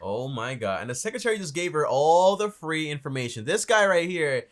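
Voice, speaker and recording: A man's voice: a little high, big pitch swings, brisk. A man hosting a reaction show, chatting casually and rambling, repeating himself and tossing in okay and like. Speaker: host reacting to a video.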